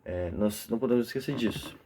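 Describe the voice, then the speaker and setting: A man's voice: on the low side, quick pace, dark tone, slight background noise. A man summing up a grammar rule for a class and checking that the listener follows.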